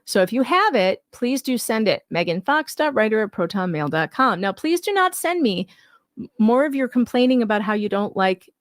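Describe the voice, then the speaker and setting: Very animated and slightly high-pitched, a woman speaking at a moderate pace runs a casual live commentary stream on a legal case, reading claims aloud and rebutting them. A livestream commentator and video host, she's argumentative and skeptical, repeats points for emphasis, and is recorded with clean studio sound and no echo.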